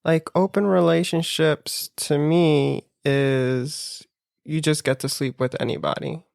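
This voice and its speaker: Gravelly, frank, questioning, casual podcast chat, dry sound. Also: mid-range voice, fairly even intonation, takes it slowly, a little mellow, no echo. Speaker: podcast co-host. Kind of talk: casual discussion.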